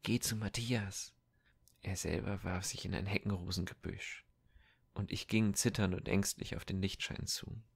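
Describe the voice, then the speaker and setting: Deep, gravelly-voiced man reading an audiobook. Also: little pitch movement, moderate pace, no room sound. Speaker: audiobook reader. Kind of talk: audiobook narration.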